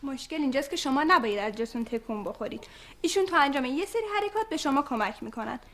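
A woman's voice: sits high, expressive, fairly bright tone. An actress playing a polite, professional woman physiotherapist. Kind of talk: TV comedy drama.

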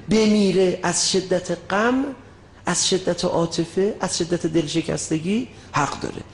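A man preaching a sermon with passion, dropping to a hush and then rising to shouts. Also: on the high side. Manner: impassioned, swings from hushed to shouting. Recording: roomy echo.

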